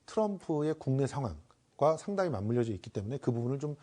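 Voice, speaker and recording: Mellow-voiced male political commentator. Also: medium pitch, sing-song, quick pace. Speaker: panel commentator. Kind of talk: political analysis in a panel discussion.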